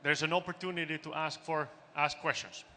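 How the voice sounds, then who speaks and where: A man's voice: on the high side, steady tone, fairly quick, pushed and bright. A man moderating a conference panel, upbeat as he directs the discussion. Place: large conference hall. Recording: long hall reverb, faint noise.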